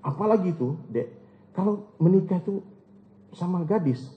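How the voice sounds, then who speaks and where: Man doing an eager young man, earnest, coaxing, slightly high voice, muffled sound. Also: expressive, moderate pace. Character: eager young man preaching to his little sibling. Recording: echoey hall, dull lo-fi sound.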